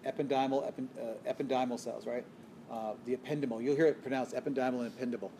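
A man delivers a college biology lecture in a screencast, walking through the material step by step at a middling pitch. He poses questions to his students and answers them himself, and sometimes stops to correct a slip. A faint hiss sits under the recording. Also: fairly even intonation, quick pace, dark tone.

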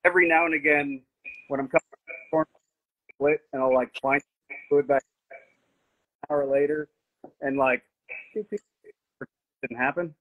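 A man speaking as a guest woodworker over a video call, his audio glitching and dropping out in gaps, so his phrases come through halting and fragmented. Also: fairly high pitch, fairly even intonation, fairly bright tone, no room sound, low-quality recording. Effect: glitchy audio cutting out in gaps. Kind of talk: casual live-stream chat.

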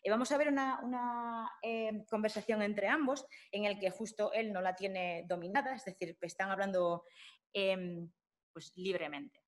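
Woman lecturing, halting and informal. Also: mid-range voice. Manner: informal, many fillers and restarts. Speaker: lecturer at a summer course. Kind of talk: academic talk with slides.

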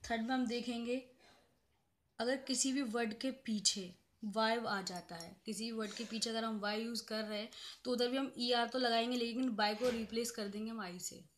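A woman professor teaching a grammar lesson in a measured, even way. She walks through each rule step by step, drawing out the examples and saying them over again, with English terms mixed into her explanation. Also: fairly high pitch, slight background noise. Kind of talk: grammar lecture.

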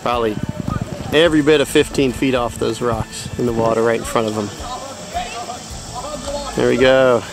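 A middle-aged man vlogging outdoors on a river with a phone held at arm's length, relaxed and upbeat, full of fillers. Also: mid-range voice, moderate pace, pauses often, over music, rough recording. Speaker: outdoor instructor. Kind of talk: casual vlog narration.

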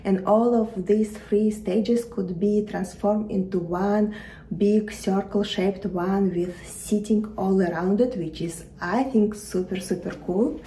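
Woman, 30s, casual vlog, chatty, mellow tone. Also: mid-range voice, steady tone, takes it slowly, echoey room, a little hiss or hum, low-quality recording. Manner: chatty, enthusiastic, many fillers. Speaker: vlogger. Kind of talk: casual vlog talk to camera. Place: home living room, then city streets.

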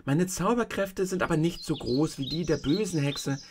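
A man reading a storybook aloud and voicing a tiny, kindly old woman who is the good witch, softly and higher than his own voice. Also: moderate pace, background noise, natural voice. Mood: gentle. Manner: soft, gentle storyteller voice raised higher.

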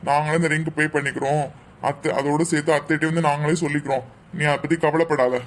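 Guy doing a protective young cartoon dude, slightly high voice, firm and brotherly. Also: little pitch movement, fast talker, close to an everyday voice. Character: young man, protective and reassuring. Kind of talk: cartoon voice acting.

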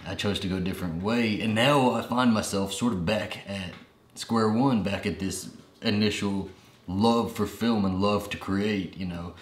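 A man's voice: on the low side, reverberant, a little hiss or hum. A young man vlogging casually about film, rambling and laughing often. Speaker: vlogger and filmmaker. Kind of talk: casual chat to camera.

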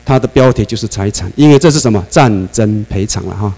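A man's voice: lowish voice, fairly quick, slightly rough, rough recording. Man lecturing with Taiwanese Mandarin accent. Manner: animated, asks the class questions, laughs often. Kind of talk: classroom lecture. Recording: mains hum under the voice.

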